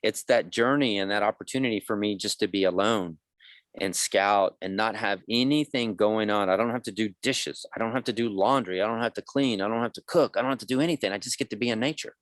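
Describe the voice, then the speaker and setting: Man, fifties, deep voice, dry studio sound, frank storyteller voicing other people's lines. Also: fairly quick, fairly bright tone, no echo. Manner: candid storytelling, acts out quoted dialogue. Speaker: guest. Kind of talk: conversational podcast interview.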